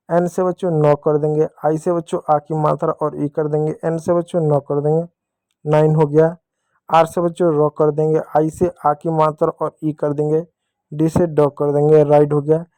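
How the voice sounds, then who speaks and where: A man with a fairly high voice gives a children's reading lesson, sounding out each word letter by letter. His delivery is patient and repetitive, and the recording is dry and close, with no room sound. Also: a little mellow, no echo. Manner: patient, spells words letter by letter; repeatedly addresses the children. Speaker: teacher.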